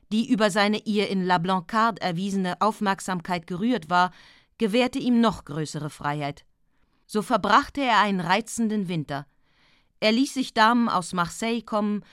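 A woman reading a classic novella aloud in a measured, even storytelling voice. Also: medium pitch, clean tone, no room sound, clean studio sound. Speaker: audiobook narrator. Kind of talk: scripted literary narration.

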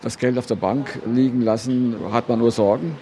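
A man from Germany, an art collector, giving halting, unscripted interview answers. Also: medium pitch, steady tone, warm tone. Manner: halting, searching for words. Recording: busy crowd in background.

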